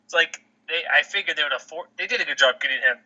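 Fast, sharp-voiced male podcast host, chatty, heard over a muffled phone line. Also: on the high side. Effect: over a phone call. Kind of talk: casual sports chat.

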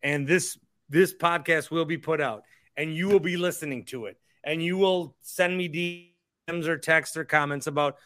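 A drunk man hosts a fan livestream in a bright, forceful voice, pitched a little high. He rambles and swears with exasperation, and the sound is close and dry. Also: steady tone, normal speed, no room sound. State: drunk, tipsy. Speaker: host of a sports fan livestream. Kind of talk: rambling livestream rant about basketball.

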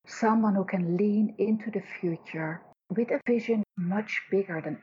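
A woman with a Dutch accent speaking earnestly as a podcast guest, phrasing deliberately in short pieces. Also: mid-range voice, a little hiss or hum. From Netherlands. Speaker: guest co-host, leadership coach. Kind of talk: podcast interview talk. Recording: dull lo-fi audio.

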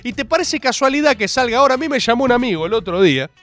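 A man's voice: very high-pitched, racing, faint music behind. A young man with a Rioplatense accent hosting a show, ranting sarcastically in a monologue. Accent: Rioplatense Spanish. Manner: sarcastic, animated, mocking voices. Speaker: host.

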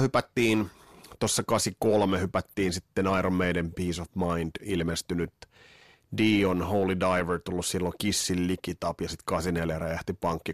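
Deep-voiced opinionated male podcaster. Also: no echo, studio quality. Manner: opinionated, nostalgic, sarcastic asides. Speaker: podcast host. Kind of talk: casual monologue.

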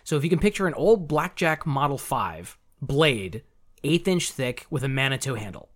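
A man's voice: medium pitch, big pitch swings, normal speed. A man co-hosting a podcast who agrees readily, answers listener questions and chats casually. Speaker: podcast co-host.

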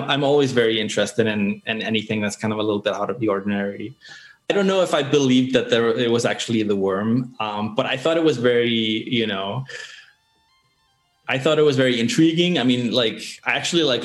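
A man's voice: medium pitch, fairly quick, soft background music. A man, a filmmaker being interviewed, talking hesitantly with many fillers and restarts. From Iceland. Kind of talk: casual interview.

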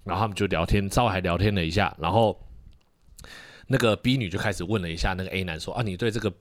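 A man's voice: sits low, fast, no echo, studio quality. A young man hosting a podcast, telling a story in casual chat and acting out the quoted lines. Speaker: podcast host.

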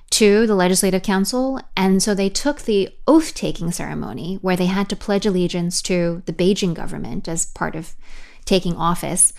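A woman correspondent explaining events in a measured way on a news podcast. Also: mid-range voice, vocal fry, a little mellow. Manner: measured, explanatory, occasional restarts. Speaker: correspondent guest.

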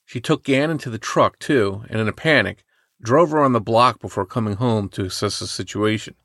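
A man co-hosting a podcast, reading a true crime story from a script in a measured way. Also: lowish voice, a bit bright, dry recording, studio quality. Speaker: podcast co-host.

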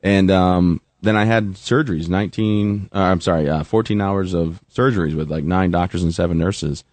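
A veteran guest in his thirties tells his story with self-mocking humor, moving from jokes to earnest interview talk. His voice sits low and a little mellow at a moderate pace, with no echo.

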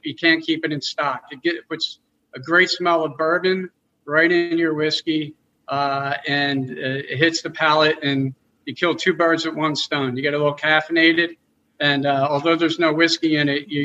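A man with a Philadelphia accent, a coffee roaster guest chatting casually and haltingly. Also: a little high, sharp tone, lo-fi sound. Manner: hesitant, full of fillers. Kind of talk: casual chat.

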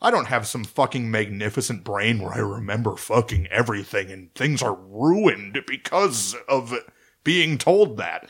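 Casual podcast co-host, male, lower voice, swears freely, rambles enthusiastically. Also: expressive, a little slow, breathy edge. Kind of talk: casual chat.

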